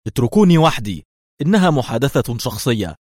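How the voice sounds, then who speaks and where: A man voicing a corrupt, hot-tempered male police inspector who talks in a sneering, sharp way. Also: medium pitch, very animated, a little fast, dry recording, clean studio sound. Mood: tense.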